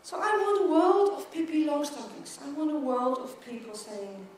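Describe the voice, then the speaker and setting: This keynote speaker, a middle-aged woman from Sweden, addresses a conference in accented English, frequently stuttering over repeated words. Her voice is high and very animated at a normal speed. A distant mic in the large, reverberant hall picks her up along with faint underlying noise.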